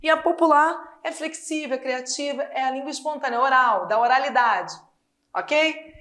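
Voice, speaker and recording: A woman with a Brazilian Portuguese accent, a Portuguese teacher giving a lively, chatty exam-prep lesson full of rhetorical questions. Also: sits high, normal speed.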